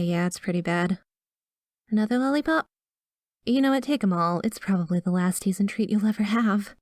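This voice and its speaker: Speaking right to the listener in an ASMR roleplay, a woman plays a chirpy, awkward doctor hiding an obsessive yandere-stalker side. Her medium-pitched, darkish voice is lightly acted and captured on a close studio mic in studio quality with no echo, and she stays breezy, cutesy and coaxing while cheerfully breaking grim news.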